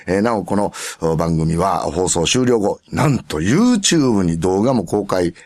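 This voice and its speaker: A man with a Kansai accent hosts a radio show, and his banter is full of jokes. His voice is very low and husky, though his pitch swings widely. The studio sound is dry and close. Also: big pitch swings, darkish tone, no echo. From Kobe. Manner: jokey, playful banter, drawn-out asides. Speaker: radio host, a monk.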